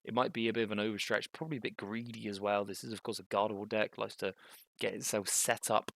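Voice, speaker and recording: Gravelly man commentating a card match. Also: on the low side, fast, no room sound. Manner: casual, thinking aloud, bursts of excitement.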